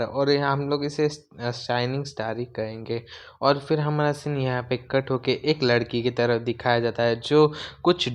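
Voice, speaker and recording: Smooth-voiced man recapping a manga. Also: mid-range voice. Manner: retells scenes, briefly voicing each character's lines. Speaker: manga explainer. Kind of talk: casual recap narration.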